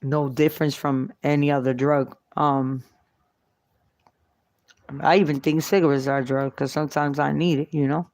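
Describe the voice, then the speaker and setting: A woman's voice: low-pitched, level tone, normal speed, long pauses, a little mellow, dry recording. A middle-aged woman telling her own life story in an emotional, repetitive testimony driven by faith. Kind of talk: personal testimony monologue. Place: New York.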